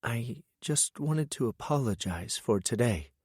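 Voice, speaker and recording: A male audiobook narrator voicing a gentle, apologetic young woman who talks softly and hesitantly. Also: medium pitch, a little slow, no echo, clean studio sound, voice pushed up, close to an everyday voice. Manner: soft, hesitant. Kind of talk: audiobook character voice.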